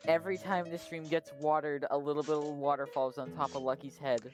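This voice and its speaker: A woman's voice: sits low, level tone, over music. A woman player joking casually during a tabletop game. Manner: joking, quick commentary.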